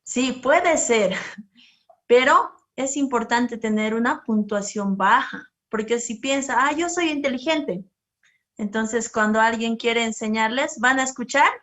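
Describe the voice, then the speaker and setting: Lady teaching kids at church, voice a bit high, keeps asking them questions and acting out little voices. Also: unhurried. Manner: asks the children questions and acts out their voices; storytelling, gentle and animated. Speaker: children's service teacher. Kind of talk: children's sermon with slides.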